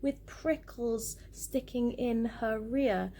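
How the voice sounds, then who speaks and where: A woman's voice: on the high side, takes it slowly, mellow. A woman reading aloud, voicing a pompous dentist who sounds delighted with himself. He speaks in a cheery, theatrical storybook manner. It is a light character voice rather than a heavy disguise. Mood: gleeful. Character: gleeful pompous male dentist.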